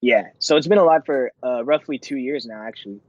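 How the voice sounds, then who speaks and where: A man's voice: mid-range voice, a little fast, muffled recording. A man of twenty-one, a dancer, talking through a casual interview in a laid-back, reflective way and laughing often. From California, USA. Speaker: guest, dancer.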